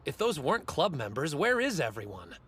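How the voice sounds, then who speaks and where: A confident, stubborn teenage sumo wrestler, talking in a blunt and stern way. His voice is high and bright with lively pitch. It is an anime dub scene. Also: a little fast, slightly rough, exaggerated voice. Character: short, fiercely determined teen sumo wrestler.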